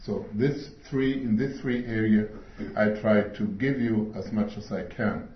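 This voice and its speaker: A middle-aged Swiss man, not a native English speaker, preaches slowly and earnestly at a church meeting, often pausing with fillers as he searches for words. His voice is slightly low with fairly even intonation. The audio sounds dull and roomy, like it was recorded in a hall.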